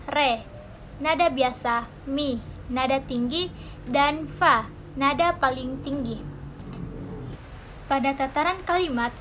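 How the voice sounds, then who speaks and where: A young woman from Indonesia with a high, bright voice reads through a classroom assignment in a careful, even, explanatory way. She sounds like a student presenting prepared notes. A faint hiss of noise runs beneath her voice. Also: poor audio. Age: young adult. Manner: steady, careful reading with demonstrative stress examples. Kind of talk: read-aloud academic presentation.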